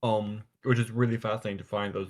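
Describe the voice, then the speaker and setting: A man's voice: lowish voice, flat delivery, fast talker. Young man chatting about insects, swearing casually. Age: young adult. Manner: enthusiastic, swears casually, rambling. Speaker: podcast co-host. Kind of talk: casual chat.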